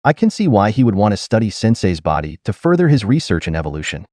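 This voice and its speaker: A man voicing a serious young male cyborg who speaks flatly and threateningly. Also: lowish voice, quick pace, no room sound, studio quality. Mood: cold.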